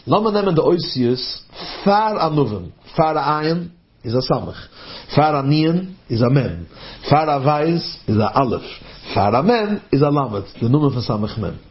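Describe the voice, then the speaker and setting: A man preaching a sermon in a singsong, animated way, telling a story and leaping in pitch. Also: a little slow. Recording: dull recording with faint hum.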